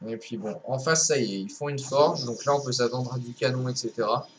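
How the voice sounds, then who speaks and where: A man's voice: medium pitch, brisk, background noise. Rambling young man commenting a game. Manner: rambling, many fillers and restarts, swears casually. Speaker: gameplay commentator.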